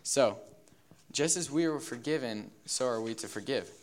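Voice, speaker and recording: A young man giving a relaxed sermon, full of fillers, who acts out the figures of a parable in quick voices. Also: medium pitch. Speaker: youth speaker. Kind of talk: casual sermon.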